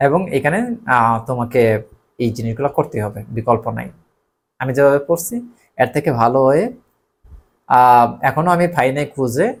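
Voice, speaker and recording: A teacher leads a recorded online lesson, and the pitch swings widely and animatedly. Short phrases are repeated in drill fashion, with frequent quick "okay?" checks to the learner.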